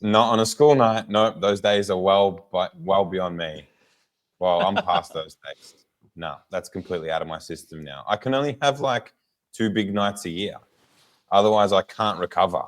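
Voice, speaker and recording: A man, hoarse from a sore throat, co-hosting a podcast in casual, self-deprecating chat. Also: deep voice, normal speed. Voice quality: rough, smoker-like voice. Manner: dry self-deprecating banter. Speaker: podcast co-host.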